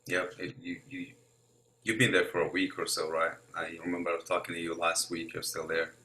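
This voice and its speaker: Male podcast host, very deep voice, bright forceful tone, upbeat and chatty. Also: level tone, moderate pace, slight background noise, low-quality recording. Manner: upbeat, chatty host who keeps things moving. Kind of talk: casual podcast hosting.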